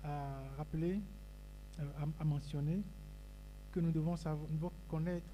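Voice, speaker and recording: A man interpreting live at a conference, halting and restarting often. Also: fairly high pitch, fairly even intonation, lo-fi sound, slight background noise. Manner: halting, many fillers and restarts. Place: conference hall.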